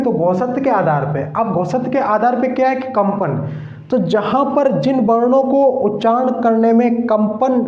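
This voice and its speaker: Slow, echoey male teacher. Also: sits high. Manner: repeats key terms and checks understanding; spells out syllables one by one. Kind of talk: exam-prep classroom lesson. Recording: echoey dull room recording.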